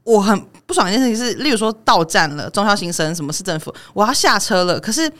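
A woman's voice: medium pitch, animated, quick pace. A young woman with a Taiwanese Mandarin accent, hosting a casual podcast chat, ranting heatedly and swearing freely. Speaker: podcast host.

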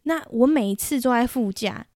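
A woman from Taiwan with a Taiwanese Mandarin accent, hosting a solo podcast in an animated, chatty storytelling way. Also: on the high side, normal speed, no echo, clean studio sound. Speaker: podcast host.

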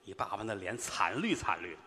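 A man performing crosstalk, telling a story with animated delivery and acting out voices. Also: fairly low pitch, fairly quick, long reverb tail.

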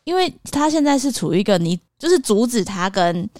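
A mother, co-hosting a podcast and explaining how to handle a toddler in a quick, expressive way. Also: medium pitch, dry recording, clean studio sound. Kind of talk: casual chat, giving parenting advice.

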